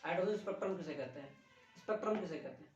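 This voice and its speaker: A man's voice: on the high side, lively intonation. Echoey, distant male physics teacher. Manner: scolding, brisk teacher calling students to stand. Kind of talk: classroom lecture with student questioning. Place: classroom. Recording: echoey room from far off, dull lo-fi.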